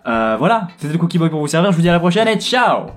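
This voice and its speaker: A Frenchman in his twenties hosts a casual, humorous video blog about living abroad, talking straight to viewers with cheeky slang and teasing asides. His slightly high voice is very animated and he races along. Soft music plays in the background.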